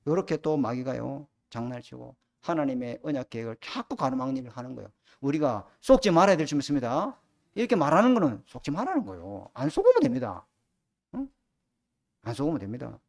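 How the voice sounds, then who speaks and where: A man's voice: medium pitch, sing-song, fairly quick, creaky, darkish tone. A middle-aged man preaching a sermon as pastor, often asking the congregation rhetorical questions.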